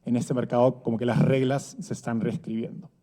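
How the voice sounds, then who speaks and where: A man's voice: mid-range voice, level tone, a little fast, warm tone. A man, giving a conversational talk at an event with many fillers and rhetorical tags. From Peru. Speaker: speaker giving a conference talk. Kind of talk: conference talk. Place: event stage before an audience.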